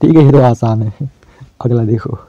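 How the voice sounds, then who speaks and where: A man's voice: mid-range voice, moderate pace, warm tone, dry recording, highs cut off. A man teaching an exam-prep lesson in a casual, chatty way, asking questions and answering them himself.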